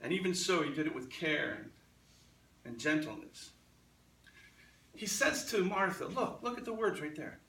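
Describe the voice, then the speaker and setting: A man preaching in a church with a high, lively voice that climbs and falls as he acts out quoted lines. His tone is bright and forceful. The sound is roomy and a little distant, caught by a mic set back from the pulpit. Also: moderate pace, gravelly, long pauses, a little hiss or hum. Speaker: pastor. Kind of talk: sermon. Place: church sanctuary.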